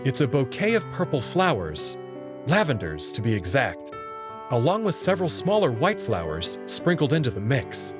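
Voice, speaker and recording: In first-person visual novel narration and dialogue, a man plays a bewildered young human recounting his own story, speaking hesitantly. His medium-pitched voice swings widely in pitch at a moderate pace, with music playing in the background.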